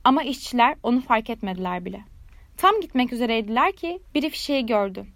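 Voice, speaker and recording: High-voiced woman reading a fairy tale. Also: no echo. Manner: measured, lively storytelling. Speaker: storyteller.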